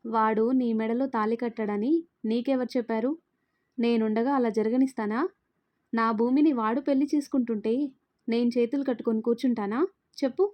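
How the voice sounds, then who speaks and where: A woman's voice: fairly high pitch, fairly even intonation, moderate pace, darkish tone, natural voice. A woman voicing an angry young man, a fierce protective hero in a spoken story, threatening and furious. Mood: reassuring.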